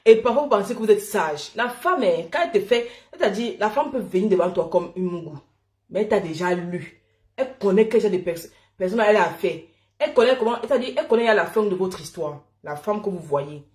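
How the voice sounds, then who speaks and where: A woman from Cameroon tells a personal story in a lively, chatty way, often laughing and calling her listeners "mon frère". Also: medium pitch, a little fast, roomy sound.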